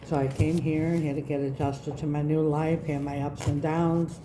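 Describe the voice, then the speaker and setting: A woman giving an unhurried, earnest spiritual card reading to online viewers, her speech slightly slurred and slushy as she recovers from mouth surgery. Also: sits low, little pitch movement. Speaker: tarot reader, channel host. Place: indoors in an echoey room. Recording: roomy echo, background noise.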